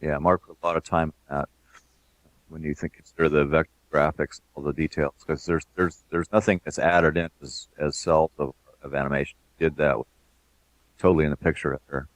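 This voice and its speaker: A man giving relaxed commentary as a game developer, reminiscing about making the game. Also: very deep voice, fairly quick, no echo. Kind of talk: casual commentary.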